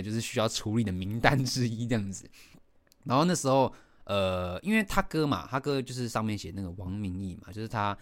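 A middle-aged man with a Taiwanese Mandarin accent hosts a casual podcast and rushes through a story with fillers and bursts of laughter. His voice sits a bit low. The recording is close and dry, with no room sound. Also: no room sound. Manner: animated, with frequent fillers and laughs. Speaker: podcast host.

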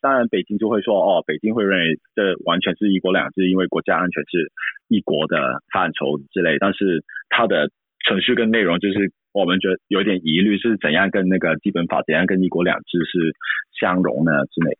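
A man speaks Mandarin with a Cantonese accent in a somewhat low, husky voice. He explains things as an interview guest, measured and careful to qualify his points. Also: dry recording, phone-quality sound. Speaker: expert guest commentator.

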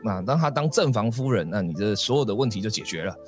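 Man, podcast host, casual storytelling, animated, faint music behind. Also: lowish voice, quick pace. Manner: lively storyteller, acts out voices, many fillers. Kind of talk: casual ghost-story telling.

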